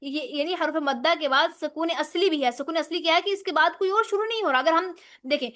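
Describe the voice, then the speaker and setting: Female Quran teacher, high-pitched, methodical explainer, stretches out recited letters. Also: bright, forceful tone. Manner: explains step by step, often asks "right?"; recites Arabic letters slowly and drawn out. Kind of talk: online tajweed lesson.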